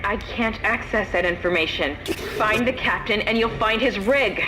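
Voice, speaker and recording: An actress playing a curt female ship technician in a horror game, talking in a brisk, matter-of-fact way. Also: mid-range voice, background noise, close to an everyday voice.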